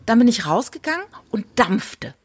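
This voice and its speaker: A woman co-hosting a casual podcast, telling an animated personal story and acting out her own thoughts. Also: a little high, moderate pace, slightly rough. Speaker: podcast co-host.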